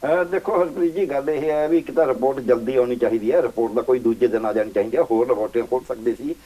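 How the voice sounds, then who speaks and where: A man speaking as a guest in a political panel debate, explaining his points in a measured way. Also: medium pitch, lo-fi sound.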